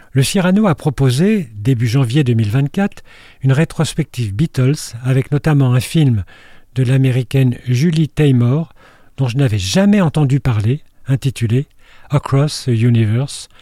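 A man's voice: medium pitch, expressive, normal speed, mellow, dry recording, studio quality. An older man reading a wry, scripted film column on the radio, with storytelling asides.

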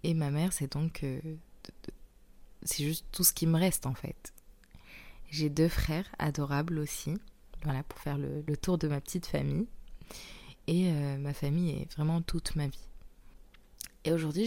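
A young woman hosting an intimate solo podcast while sick with tonsillitis, speaking softly through a very sore throat and often slipping into a breathy near-whisper. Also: sits low, steady tone, normal speed, long pauses. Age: young adult. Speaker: podcast host.

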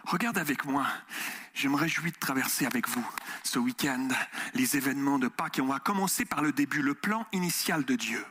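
A man's voice: medium pitch, a little fast, slightly rough. A man with a Swiss French accent tinged with Quebec and France, preaching a sermon as a pastor and often asking the congregation questions. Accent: Swiss French mixed with Quebec and French. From Switzerland. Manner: animated, asks the audience questions.

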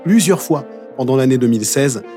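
A man from France, a musical theatre performer and dubbing actor, chatting playfully as a guest in a casual podcast interview, joking and telling stories with expressive energy. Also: medium pitch, a little fast, faint music behind. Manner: playful, jokey, expressive storyteller.

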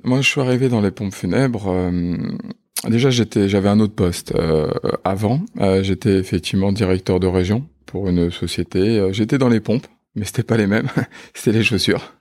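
A man in his fifties from France, working as a funeral home manager, hesitates with plenty of filler sounds as he chats in an interview. The voice is fairly low, a little mellow, at normal speed.

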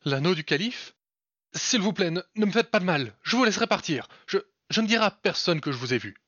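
A man voicing a panicked young male palace guard who stammers and pleads in a high, loud voice. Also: expressive, fairly quick, dry recording, exaggerated voice. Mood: terrified. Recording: dull, dry lo-fi recording.

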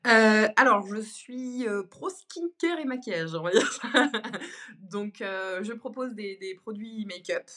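A young woman chats as a podcast guest in an easy, loose way, stumbling and restarting as she goes. Her voice sits at an ordinary middle pitch and she sounds relaxed. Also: measured pace. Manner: chatty, many fillers and restarts, laughs easily. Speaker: guest, content creator. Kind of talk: casual podcast conversation.

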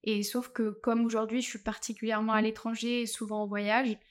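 Young woman vlogger, relaxed advice talk, restarts a lot, slightly high voice. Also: a little fast. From France. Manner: chatty, many fillers and restarts. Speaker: travel vlogger.

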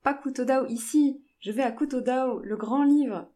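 A woman's voice: on the high side, flat delivery, brisk, dark tone, pitched above the performer's own voice, natural voice. A woman voicing an eager, impetuous young English lady who pleads and exclaims with urgency in a storybook reading. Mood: pleading.

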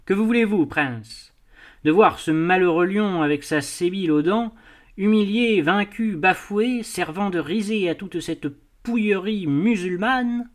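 A man's voice: high-pitched, a little slow, voice pushed up. A man doing a blustering, indignant hunter. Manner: indignant, declamatory. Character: boastful blustering middle-aged male hunter. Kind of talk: audiobook dialogue reading.

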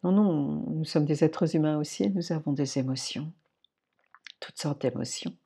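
Low-voiced woman musing on self-growth. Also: moderate pace, warm tone, slightly rough. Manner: addresses listener directly, informal, many fillers and restarts. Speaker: podcast host. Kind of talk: reflective personal-growth talk.

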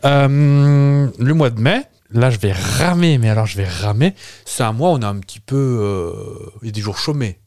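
A man's voice: mid-range voice, animated, normal speed, hardly any pauses, darkish tone, dry recording, clean studio sound. Playful teasing man with a Moselle accent. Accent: Moselle French. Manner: playful and teasing, rambling asides. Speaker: podcast co-host. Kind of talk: casual chat. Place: studio with a producer present. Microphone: studio microphone.

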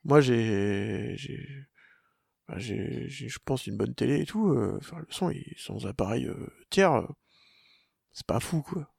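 Young male co-host, gravel in the voice, talks in loose restarts. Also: medium pitch, animated, measured pace, darkish tone, no echo, studio quality. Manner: rambling, many restarts and fillers. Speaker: podcast co-host. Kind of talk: casual tech chat.

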